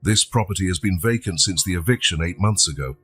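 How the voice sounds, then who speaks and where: A formal, businesslike estate agent speaks plainly, voiced by a man. His voice is low and a little husky. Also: a little fast, fairly bright tone, heavily acted.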